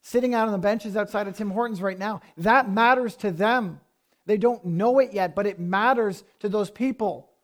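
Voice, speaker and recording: A man preaching a sermon as pastor, talking to the congregation in a conversational way that builds to forceful emphasis. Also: high voice, normal speed.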